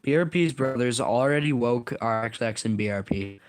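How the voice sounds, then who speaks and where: A man reads his own story aloud, casual and unpolished, stumbling now and then and fixing his words. His voice sits at an average pitch. The sound is dry and close, with no room echo. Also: normal speed. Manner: casual, stumbles and corrects himself.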